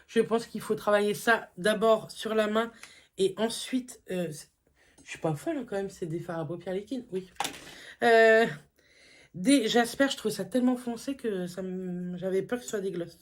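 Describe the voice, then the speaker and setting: A woman's voice: medium pitch, moderate pace. A woman, chatting casually through a beauty haul, full of fillers and enthusiastic asides. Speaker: beauty vlogger.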